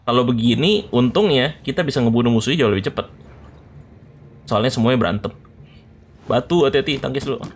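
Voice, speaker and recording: A man giving excitable let's play commentary, shouting orders at his troops during battles. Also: medium pitch, a little fast, long pauses, a little hiss or hum. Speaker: gaming YouTuber. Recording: game music behind the voice.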